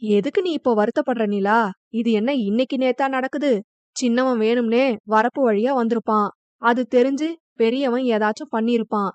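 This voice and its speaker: A woman voicing a middle-aged village father who speaks in a steady, reasoning tone, on a dull lo-fi recording. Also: a little high, moderate pace, no room sound, close to an everyday voice. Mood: firm. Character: father Paramasivam, calm village head.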